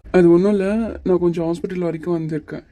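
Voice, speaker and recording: A woman voicing a calm, teasing young male hero in a cartoon series. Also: fairly low pitch, fast, no room sound, natural voice. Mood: reassuring. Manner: teasing, patient, a little bossy. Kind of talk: Tamil cartoon series voice acting.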